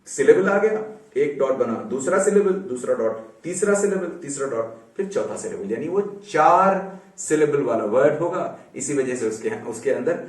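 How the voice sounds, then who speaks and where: A man giving an explanatory pronunciation lesson, mixing English terms into Hindi and repeating example words slowly. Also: mid-range voice, expressive. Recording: roomy echo, voice a bit far from mic.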